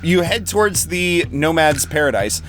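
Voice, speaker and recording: A young man narrating as game master with a relaxed, wry manner. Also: a little high, normal speed. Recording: faint music behind.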